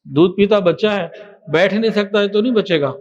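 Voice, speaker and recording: A man preaching a sermon with passion, moving between soft explanation and loud emphasis. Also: high-pitched, lo-fi sound. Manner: impassioned, swings from soft to loud with chanted Quran recitation.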